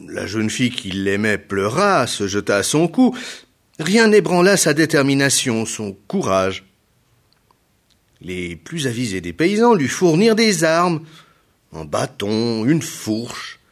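A man hosting a read-aloud story program and narrating a folktale in a measured, expressive way. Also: mid-range voice. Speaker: storyteller host.

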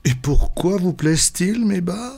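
A man's voice: high-pitched, animated, unhurried, creaky, darkish tone, pitched above the performer's own voice, full character voice. A man voicing a coy young woman who asks teasing questions.

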